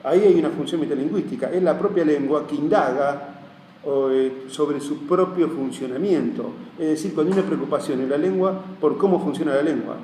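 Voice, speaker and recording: A man's voice: a little high, fairly quick, warm tone. A man with a Rioplatense accent, giving a classroom lecture as a teacher. He rambles and keeps checking that his listeners are following. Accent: Rioplatense Spanish. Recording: echoey room, mic far off, faint hum.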